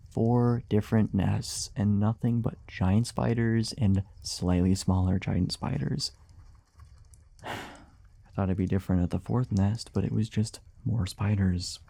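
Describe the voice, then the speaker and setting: The speaker is a man portraying a tired monster hunter in a fantasy ASMR roleplay, his gravelly, mellow voice dark and on the low side. His performance is heavily acted and slow, full of muttering, hesitation, and dry, grumbling sarcasm from someone guarded but willing to talk. There's no echo in the recording.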